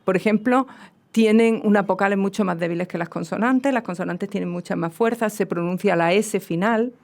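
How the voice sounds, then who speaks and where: A woman's voice: mid-range voice, brisk, darkish tone. A woman with a southern Spanish accent, a guest linguist explaining in a radio conversation, lecturing with many restarts and tag questions.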